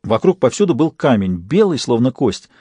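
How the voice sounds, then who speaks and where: A man giving scripted audiobook narration in a measured, even way. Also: mid-range voice, husky, dry recording.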